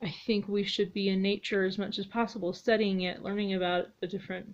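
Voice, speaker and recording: A woman's voice: mid-range voice, level tone, quick pace. A woman who homeschools her children, chatting casually in a vlog, rambling with lots of ums and restarts. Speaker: homeschooling mother vlogger. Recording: slightly dull lo-fi audio.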